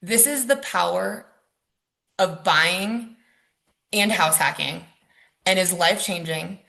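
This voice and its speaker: A woman's voice: on the low side, slow, creaky, sharp tone. A woman, a mortgage lender, presenting a webinar over slides in a casual, chatty way with frequent ums and likes.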